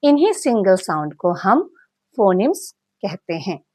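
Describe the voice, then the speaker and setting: A woman teacher explains phonics in an unhurried, carefully paced lesson. Her pitch moves a lot, lifting on each example word as she sounds it out piece by piece. The recording is dry and close, with no room around her. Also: sing-song, mellow, husky, no room sound. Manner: spells out sounds and syllables slowly, mixing in English words. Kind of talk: slow scripted lesson narration.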